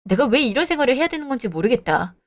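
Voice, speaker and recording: A woman's voice: sits high, very animated, rapid-fire. A woman voicing a young married woman who talks back in cold, cutting retorts, in a scripted audio drama. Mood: aggrieved. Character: young married woman, sharp-tongued, defiant. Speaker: daughter-in-law.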